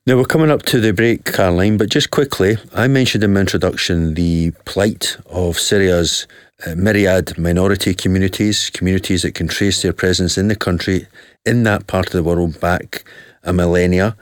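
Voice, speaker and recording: Man, low voice, earnest emphatic talk host, dry close studio sound. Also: clean tone, no echo. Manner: earnest, emphatic, reads quotes aloud slowly. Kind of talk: radio interview.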